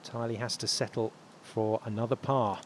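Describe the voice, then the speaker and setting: A man commentating on tournament golf, building drama in short, measured phrases. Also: lowish voice, fairly even intonation, a little hiss or hum.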